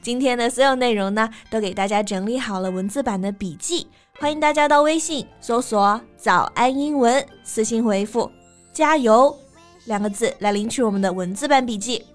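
An upbeat woman co-hosts a bilingual English lesson, explaining words and moving easily between two languages. Her voice sits a little high. Faint music plays under the talk. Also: moderate pace. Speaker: co-host of an English lesson show.

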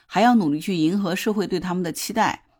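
A woman's voice: on the low side, fast, a little mellow. A woman hosting a parenting advice podcast. She talks in a conversational way and often puts questions to her listeners. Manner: tells a story from a TV drama in detail. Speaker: podcast host.

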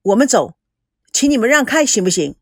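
A woman's voice: fairly high pitch, very animated, a little fast, dry recording, clean studio sound. A woman voicing an angry young man who snaps indignantly at reporters. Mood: furious. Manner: indignant, sharp retorts.

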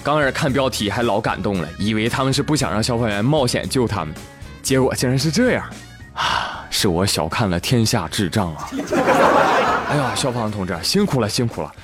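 A man's voice: mid-range voice, moderate pace, soft background music. A man hosting a comic news talk show, telling the stories, acting out each character and laughing often. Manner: animated storytelling, acts out every character in quotes; laughs often while talking.

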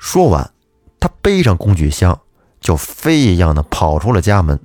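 A man narrating a folk ghost story on a podcast in a chatty, lively way, with asides to his listeners. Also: low voice, moderate pace, dry recording, studio quality, soft background music.

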